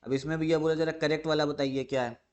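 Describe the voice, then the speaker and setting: A man teaching an exam revision lesson who asks questions and answers them himself, repeating key terms and often clearing his throat. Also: on the high side, steady tone, racing, a little mellow.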